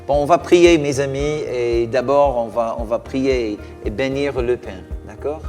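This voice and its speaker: Fervent pastor in a reverberant hall. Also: male voice, mid-range voice, measured pace, darkish tone. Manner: fervent, exclamatory, with many restarts. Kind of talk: preaching and leading communion prayer. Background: faint music.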